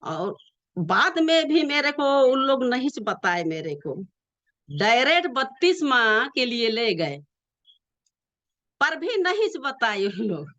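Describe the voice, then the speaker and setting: An older woman with a non-native Hindi accent gives a personal church testimony in an earnest, halting manner, repeating herself often as she tells her story. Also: on the high side, very animated, a bit bright, no echo. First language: not Hindi. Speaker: church member giving testimony.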